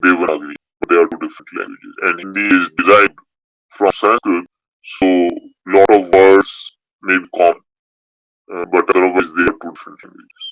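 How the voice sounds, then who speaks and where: A man's voice: sits low, flat delivery, normal speed, fairly bright tone, dry recording, low-quality recording. A man teaching a beginners' Sanskrit class, explaining rules step by step and repeating key points. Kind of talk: online class lecture.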